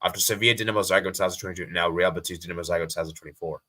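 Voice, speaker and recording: A man's voice: deep voice, fairly even intonation, racing, bright, forceful tone. An American man hosting a live stream, chatting casually and reading viewer comments aloud, often repeating himself. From USA.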